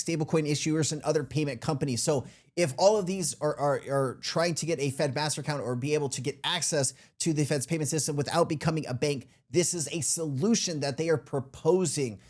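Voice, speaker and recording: Higher-pitched man with a sore throat. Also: a little mellow. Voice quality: slightly thick sore-throat voice. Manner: informal, addresses viewers as guys. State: sore throat, feeling unwell. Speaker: crypto show host. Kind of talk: casual commentary on played clips.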